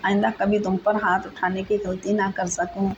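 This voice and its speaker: A woman's voice: mid-range voice, flat delivery, highs cut off, a little hiss or hum, natural voice. A woman reading the lines of an anguished young husband, pleading and blaming himself after a temper outburst. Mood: remorseful. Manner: pleading, self-reproaching.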